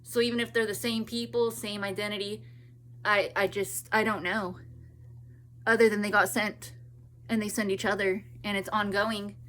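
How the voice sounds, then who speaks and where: A woman's voice: medium pitch, little pitch movement, normal speed, fairly bright tone. A woman in her thirties from California, talking in a rambling personal monologue with many restarts and trailing thoughts. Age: 30s. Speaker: vlogger.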